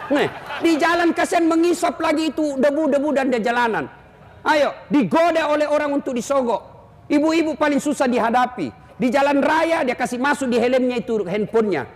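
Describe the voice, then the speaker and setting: A man's voice: very high-pitched, a little fast. A male preacher, giving a comic sermon full of teasing jokes aimed straight at the crowd. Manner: teasing, jokey preaching with direct address to the crowd. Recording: echoey hall, faint hum.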